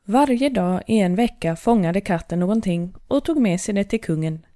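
Mellow woman reading a fairy tale. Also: medium pitch, dry recording, clean studio sound. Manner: calm, even storytelling. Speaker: narrator. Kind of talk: storybook narration.

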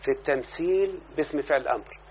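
Speaking at a quick pace in a fairly high voice, this Egyptian-accented man walks his student through a grammar lesson, explaining verses and checking that they're following. A faint hiss runs under the lo-fi, phone-quality audio.

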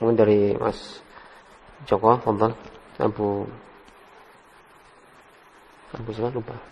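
A man teaching an Arabic class in a relaxed way, correcting his students. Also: fairly low pitch, takes it slowly, creaky, slight background noise. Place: study hall. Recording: dull echoey hall recording.

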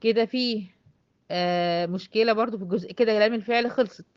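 A woman with an Egyptian Arabic accent leads a tajweed class, moving point by point and answering her own questions. She slows down to stretch out each example word. The recording is dry and a little muffled. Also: medium pitch, clean tone, no echo. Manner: explains step by step, asks and answers her own questions, drawls out example words. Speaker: Quran recitation teacher.

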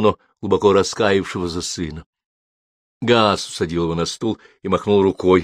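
A male audiobook narrator reading a literary story in a measured, unhurried way on a close studio mic. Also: low-pitched, dry recording. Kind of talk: scripted narration.

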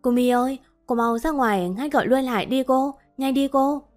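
A woman voicing an older female house servant in a spoken story, talking in a hurried, pleading way. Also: fairly high pitch, expressive, soft background music, natural voice. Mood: urgent.

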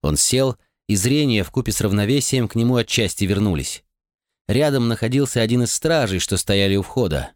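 A man narrating an audiobook in an expressive, dramatic reading. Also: lowish voice, a little fast, no room sound, studio quality. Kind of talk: scripted narration.

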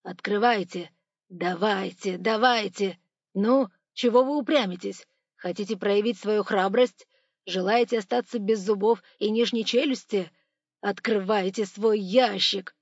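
A woman reading a story aloud, voicing a stern masked male robber who threatens and shouts. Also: mid-range voice, fairly even intonation, unhurried, creaky, dry recording, dull audio. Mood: menacing.

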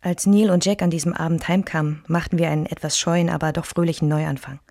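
In a first-person radio drama, an actress voices a reflective, wounded woman looking back on her marriage, narrating in a measured, intimate way. Her voice is low-pitched, steady, and somewhat dark, with soft music playing underneath.

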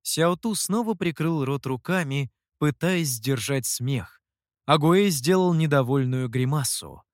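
A narrator reading a story aloud in an expressive way. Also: medium pitch, measured pace, dry recording, studio quality. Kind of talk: scripted narration.

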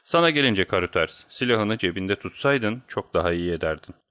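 A man's voice: sits low, lively intonation, moderate pace, a bit bright, clean tone. A man voicing a cool, commanding male detective who speaks in a cold, clipped way. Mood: coldly reasoned.

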